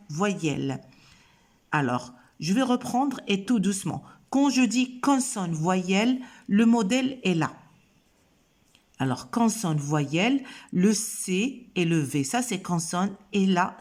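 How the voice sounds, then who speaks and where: Slow, patient woman teaching grammar. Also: medium pitch. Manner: patient, spells out letters one by one, asks "d'accord?". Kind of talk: slow classroom explanation.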